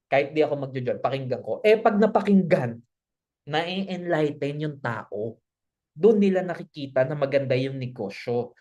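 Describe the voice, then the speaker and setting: Mentor voice for an online sales-training lesson: casual, direct, coaching tone, mid pitch, mixes English phrases in. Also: darkish tone. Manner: coaching, talks straight to viewers, acts out sample pitches. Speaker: networking business mentor.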